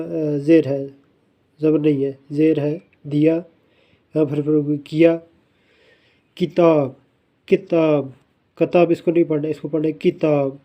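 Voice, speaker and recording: A male teacher giving a recorded lesson, spelling letters and syllables slowly and repeating each word. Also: a little high. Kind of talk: slow recorded classroom lesson. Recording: dull lo-fi recording.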